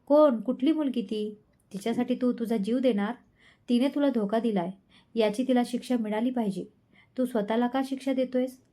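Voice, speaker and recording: A loving middle-aged mother who pleads with her son through tender, repeated questions, voiced by a woman storyteller. The voice is mellow and warm in tone, and a little high. It comes from an audio storybook drama. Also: lightly acted.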